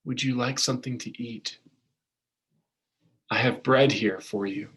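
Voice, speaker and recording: A man doing a gentle bread-giving man. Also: mid-range voice, fairly even intonation, unhurried, husky. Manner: gentle, welcoming. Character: kind generous man offering free bread.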